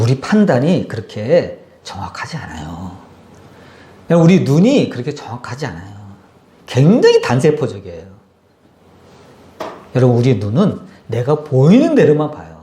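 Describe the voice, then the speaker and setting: A male pastor preaching a sermon, telling stories with big swings from loud exclamations to hushed near-whispers. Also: mid-range voice, reverberant, a little hiss or hum.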